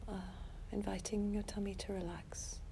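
A woman leading a calm grounding exercise as a meditation guide, speaking softly and breathily with long soothing pauses. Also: mid-range voice, gravelly, slight background noise.

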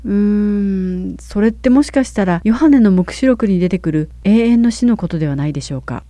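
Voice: medium pitch, expressive, a little fast, warm tone, dry recording. A questioner in a Bible Q&A who agrees politely and reads scripture verses aloud carefully. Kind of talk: Bible Q&A conversation.

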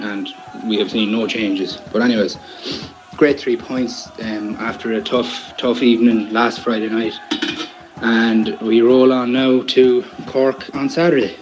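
A man's voice: on the low side, poor audio. An Irish-accented man gives a rambling, informal match review as a football supporter, often repeating his phrases.

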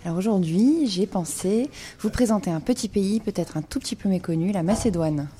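A woman wine columnist speaks in a medium-pitched, mellow, animated voice at a fairly quick pace for a radio wine segment, with a little hiss or hum in the audio. Informative in tone, she frequently hesitates with "euh".

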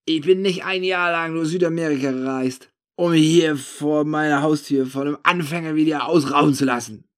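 A man voicing his own drunk, furious younger self, slurring and shouting. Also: medium pitch, lively intonation, a little slow, husky.

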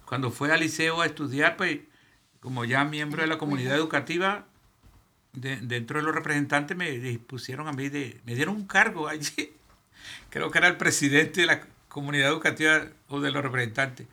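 A middle-aged man, a pastor, telling a personal testimony haltingly with repetitions. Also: fairly high pitch, pushed and bright. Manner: halting, repeats himself, laughs between phrases. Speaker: pastor, guest.

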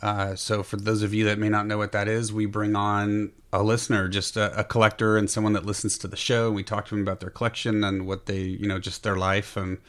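A man hosting a podcast in casual chat, halting and repeating words as he goes. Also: fairly low pitch, level tone, fairly bright tone. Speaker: podcast host.

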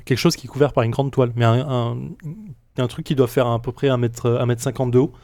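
French game master narrating a tabletop game. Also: male voice, mid-range voice, level tone, fast, mellow. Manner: filler-heavy, explanatory.

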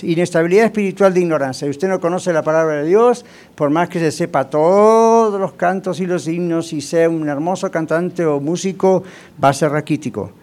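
A man's voice: fairly high pitch, a little mellow. A male pastor preaching a sermon in a conversational way, often asking the congregation rhetorical questions.

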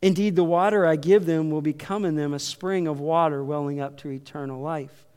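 A man voicing a calm, patient teacher, in a measured, softer, scripture-like delivery. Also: on the high side, clean tone, voice pushed down, natural voice. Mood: solemn. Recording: echoey hall with long reverb.

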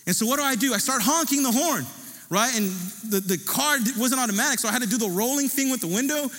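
A man preaching a sermon, telling a personal story in an animated way and often checking in with "right?". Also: very high-pitched, fast. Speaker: pastor. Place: church sanctuary. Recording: long church hall reverb.

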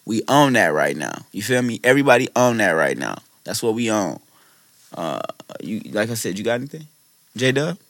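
A man's voice: lowish voice, sing-song, moderate pace, a bit bright, dry recording. An American man hosting a podcast in casual banter, talking in profane, slangy bro-talk. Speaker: podcast host.

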